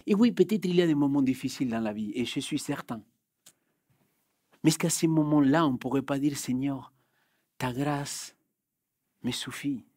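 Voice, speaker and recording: A young man with a Spanish accent, Spanish being his first language, preaching a sermon and telling a personal story, swinging from loud urgent bursts to hushed, quiet passages. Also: on the high side, lively intonation, a little fast, dry recording, clean studio sound. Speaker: pastor. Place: church hall.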